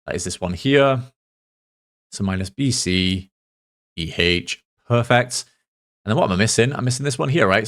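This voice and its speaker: A man, a maths tutor talking through a worked solution step by step, a little hoarse from losing his voice. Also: fairly low pitch, a bit bright. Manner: methodical, talks through steps aloud.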